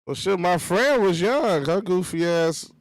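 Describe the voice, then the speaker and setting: A man's voice: high voice, animated, measured pace, no room sound. A man hosting a livestream, telling a rambling, profane story in casual chat with lots of fillers, close to the mic. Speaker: livestream host.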